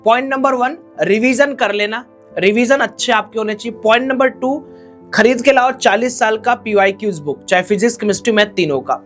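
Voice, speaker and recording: A man's voice: sits high, brisk, a bit bright, soft background music. A male exam coach giving direct, exhorting study advice to students, speaking straight to them as friends.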